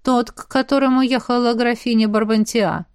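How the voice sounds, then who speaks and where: A woman's voice: fairly high pitch, fairly even intonation, normal speed, clear, resonant tone, dry recording, clean studio sound, lightly acted. A woman voicing a cold, curt duke. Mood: dispassionate. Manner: dispassionate, curt. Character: cold aloof male duke, grumbling.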